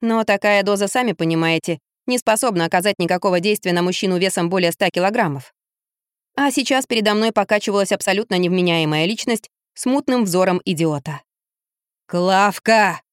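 A woman tells a first-person story as an audiobook narrator, measured but lively. Her voice sits at a middle pitch. The recording is dry and close, with no room sound. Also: clear, resonant tone, dry recording.

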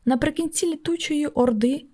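A woman reads an audiobook in the first person, her voice sitting a little high. The tone is warm and mellow rather than bright. Her delivery is steady and measured, a scripted narration.

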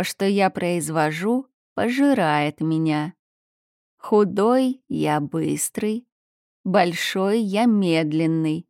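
A woman doing a slow gloating sphinx monster. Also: fairly low pitch, gravelly, darkish tone, no room sound, clean studio sound, heavily acted. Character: huge menacing riddling sphinx monster.

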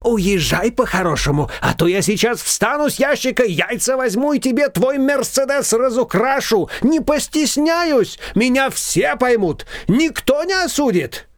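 A man voicing a shrill, scolding older shopkeeper woman. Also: expressive, a little slow, hardly any pauses, no room sound, clean studio sound, full character voice. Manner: shrill scolding, cursing tirades. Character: loud older female shop owner, quarrelsome.

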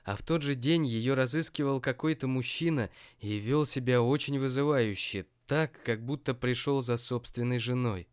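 A man's voice: mid-range voice, normal speed, clean tone, natural voice. A man voicing an anxious older mother who pleads with and soothes her son in an audiobook.

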